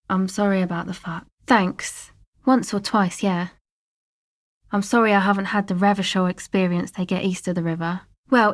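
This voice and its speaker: An actress voices a streetwise, guarded young woman in a video game, speaking in loose slang with a dry, offhand delivery at a middling, near-everyday pitch. She seems like a laid-back slacker who holds people at arm's length. In this conversational dialogue she sounds defensive and apologetic.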